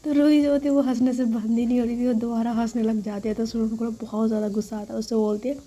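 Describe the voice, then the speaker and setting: A woman narrating a romance story in a soft voice that often drops to a whisper. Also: a little high, little pitch movement, fast.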